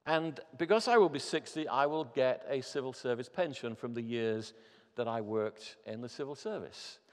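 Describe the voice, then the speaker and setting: Male pastor, 50s, mid-pitched, earnest sermon delivery with emphatic appeals; long reverb of a church hall. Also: normal speed.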